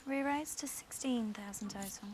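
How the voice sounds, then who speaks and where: A woman dealing at a poker table, calling the action in brief, quiet announcements, picked up from away from the microphone. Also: fairly high pitch, normal speed, a little hiss or hum. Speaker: poker dealer. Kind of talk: terse calls of table action.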